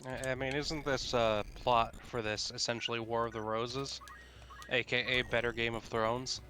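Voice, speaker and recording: A man co-hosting a game stream, chatting casually and going off on animated rants. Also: medium pitch, normal speed, a little hiss or hum. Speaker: co-host. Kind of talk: casual chat.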